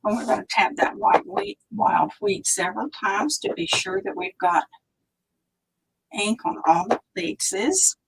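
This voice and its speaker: Demonstrating stamping in a live craft tutorial, this woman chats and thinks aloud, occasionally sinking to a near whisper as she works with her hands. She speaks mid-range at a measured pace, with big pitch swings, vocal fry, and a slightly rough quality, over a rough recording.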